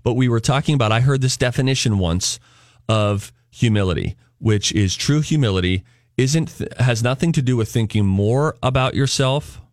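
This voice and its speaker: A man's voice: medium pitch, moderate pace, no room sound. A man co-hosting a talk show speaks in a mid-range voice, earnest and reflective, building toward preachy emphasis. His voice is close and dry on a studio mic, with no room sound. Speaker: radio show co-host. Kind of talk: casual talk-radio chat.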